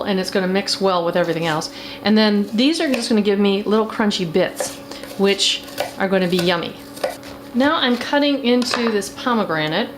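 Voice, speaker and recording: In a home kitchen, a middle-aged woman with a medium-pitched, near-everyday voice plays a campy, glamorous housewife hosting a chatty cooking demonstration in a theatrical drag-queen style. The recording is clear, with kitchen background noise.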